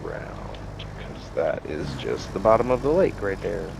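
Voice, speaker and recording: A man playing a co-op game over voice chat, tossing out quick jokes and banter. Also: low voice, sing-song, vocal fry. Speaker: co-op player. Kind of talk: casual gaming chat. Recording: noisy voice chat with game sounds.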